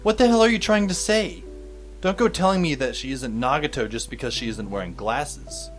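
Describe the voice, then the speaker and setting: With faint music behind him, a man of medium pitch speaks at normal speed with lively intonation, lightly acting the part of an exasperated, wry teenage schoolboy. He narrates and leads this fan audio drama, delivering a scripted first-person story with sardonic dryness.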